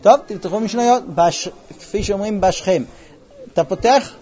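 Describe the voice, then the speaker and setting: A man teaches a Talmud class, retelling stories with quoted dialogue and quizzing his students. His voice is high-pitched, the recording muffled, and a crowd can be heard behind him.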